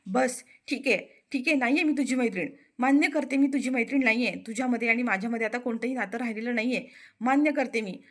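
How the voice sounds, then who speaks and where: A woman's voice: on the high side, fast talker, lightly acted. A woman voicing a remorseful young woman who pleads earnestly. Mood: pleading.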